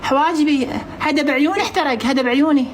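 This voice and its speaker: A man's voice: very high-pitched, fast talker, slight background noise. A man doing a woman's voice, playing a distressed, apologetic and affectionate young woman with an Iraqi accent in a prank phone call. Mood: pained, shaken.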